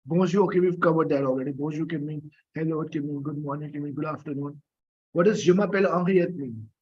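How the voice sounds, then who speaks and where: Husky male French teacher on a call. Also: on the high side, fast, muffled recording. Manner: patient, coaxing students, many fillers and coughs. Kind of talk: live online class lecture.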